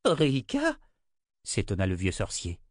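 A man reading a fantasy novel aloud as narrator, even and measured. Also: on the low side, no echo, clean studio sound. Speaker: audiobook narrator. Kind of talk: scripted narration.

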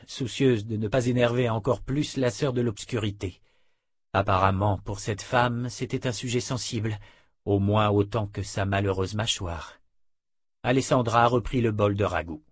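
A man narrating an audiobook in a steady, even storytelling manner. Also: lowish voice, no room sound. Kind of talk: scripted narration.

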